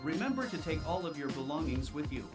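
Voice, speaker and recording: A man voicing an automated train's loudspeaker announcement, with a flat, robotic tone and formal, repeated instructions. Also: on the high side, fast talker, loud music behind the voice. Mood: announcing.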